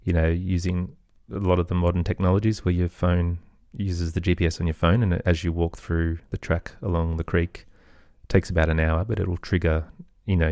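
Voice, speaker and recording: A middle-aged man, a musician and storyteller, guests on a podcast interview with reflective, loosely phrased answers full of "sort of" and "kind of." His low, slightly mellow voice is flat, at normal speed with few pauses, recorded studio-clean with no room sound.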